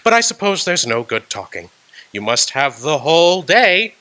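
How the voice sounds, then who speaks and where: A man's voice: a little high, very animated, moderate pace, sharp tone. A man playing a harsh, stingy old miser. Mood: grudging. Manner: curt, scornful, barking orders. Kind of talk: stage radio drama acting.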